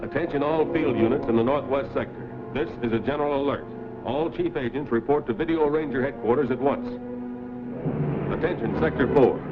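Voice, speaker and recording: An actor playing a headquarters dispatcher in a 1950s film serial, calling out a general alert in a brisk official manner over a loudspeaker. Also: male voice, medium pitch. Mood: urgent. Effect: heard over a loudspeaker or radio broadcast. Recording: tinny old film soundtrack under loud music. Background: loud music score.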